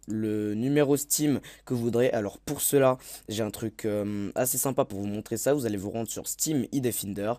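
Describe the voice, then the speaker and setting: With a warm, medium-pitched voice and no room sound, this man narrates a laid-back video game tutorial for his YouTube channel. He hesitates often, filling gaps and correcting himself.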